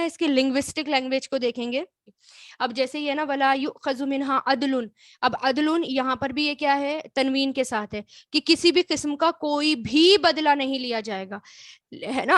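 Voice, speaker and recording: A woman's voice: high voice, no echo, clean studio sound. A woman teaching a Quran word analysis lesson, explaining patiently and checking in with rhetorical questions and tags.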